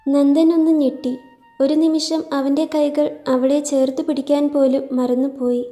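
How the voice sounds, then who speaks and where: A woman tells a love story in a slow, tender reading voice. Her pitch sits high and her tone is deeply warm and mellow. Faint music plays softly behind her. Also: flat delivery. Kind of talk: scripted romance narration.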